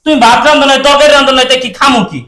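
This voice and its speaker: A man's voice: very high voice, steady tone, racing, bright, forceful tone. An actor playing an indignant husband who complains that his wife won't cook. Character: hungry, indignant rural husband. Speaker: actor in a village comedy skit. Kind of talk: skit acting. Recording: echoey room.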